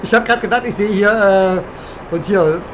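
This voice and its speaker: A woman's voice: mid-range voice, normal speed, background noise. A woman streaming a truck driving game, chatting and teasing her viewers in a mock-indignant, rambling way. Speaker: gaming streamer. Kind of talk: live game commentary reading chat.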